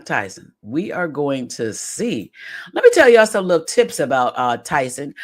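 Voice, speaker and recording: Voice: mid-range voice, fairly bright tone. A podcast host giving casual commentary while reading aloud from a web page, chatty and folksy, often stumbling over the words.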